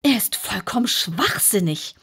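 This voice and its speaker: A woman's voice: medium pitch, lively intonation, measured pace, fairly bright tone, slightly rough, heavily acted. A woman reading an audiobook aloud and voicing a curious young girl who grows more insistent and exasperated. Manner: pleading, increasingly insistent.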